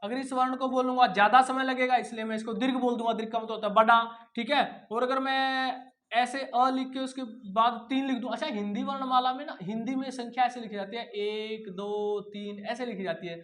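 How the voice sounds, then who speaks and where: A man's voice: very high-pitched, fairly even intonation, fairly quick, a bit bright. A male Hindi teacher giving an exam-prep grammar lesson. He repeats key words, asks questions and answers them himself, and calls his students son and brother.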